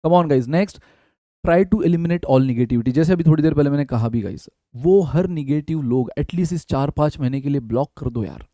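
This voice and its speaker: A young man talks through study tips in a casual, direct way. His voice sits a little high but sounds mellow and warm. It is recorded close and dry. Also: normal speed, no room sound. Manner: casual, direct, addresses viewers as guys. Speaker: exam prep teacher. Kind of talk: motivational study-tips talk.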